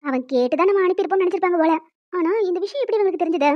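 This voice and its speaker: A woman voicing a defensive young female college student in an animated story. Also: very high-pitched, rapid-fire, lo-fi sound. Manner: pleading, defensive.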